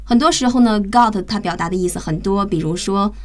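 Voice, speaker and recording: A woman teacher leads a bilingual radio English lesson. Her voice sits at an ordinary middle pitch, and she explains each word patiently, step by step, often spelling it out letter by letter. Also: a little fast.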